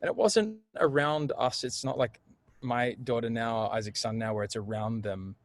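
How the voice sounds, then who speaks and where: A man, a singer and voice coach, chatting as an interview guest and telling stories in a lively way, acting out the voices he quotes. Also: medium pitch, moderate pace. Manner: animated storyteller, acts out quoted voices. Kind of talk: casual conversational interview.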